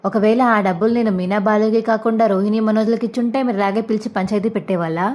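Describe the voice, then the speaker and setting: A woman's voice: medium pitch, steady tone, fast talker, a little mellow, close to an everyday voice. A woman voicing a firm, outspoken young daughter-in-law who argues indignantly.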